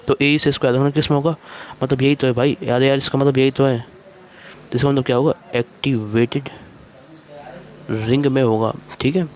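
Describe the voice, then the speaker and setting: A man's voice: mid-range voice, darkish tone. A man teaching chemistry in a casual exam-prep lecture, constantly checking in with "thik hai bhai" and coaxing students along.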